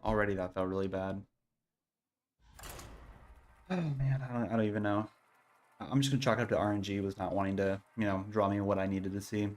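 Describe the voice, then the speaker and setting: Low-voiced man, casual gameplay commentary. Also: flat delivery, fast talker. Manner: low-key, thinking aloud. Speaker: streamer playing a card game. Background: faint game music.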